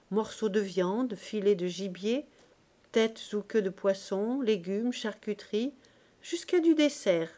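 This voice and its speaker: A woman narrating a classic novel as an audiobook in a measured, expressive reading. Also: mid-range voice. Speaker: audiobook reader.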